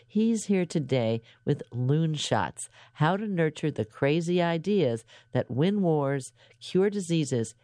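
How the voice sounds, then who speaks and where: A woman's voice: deep voice, dark tone, no echo, studio quality. A woman hosting a radio interview, talking in a conversational way and laughing easily. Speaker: radio show host.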